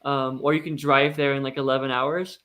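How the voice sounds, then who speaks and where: A man's voice: medium pitch, little pitch movement, a little fast, bright, forceful tone. A man with an American accent chatting casually on a livestream in a rambling way, often saying "like" and "you know". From Utah, United States.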